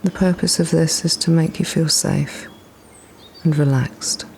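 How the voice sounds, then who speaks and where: Woman, deep gravelly-edged soft voice, near-whispered at times, soothing guided meditation narrator. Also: fairly even intonation, a little hiss or hum. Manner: soothing, gently instructing, unhurried pauses. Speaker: guided relaxation practitioner.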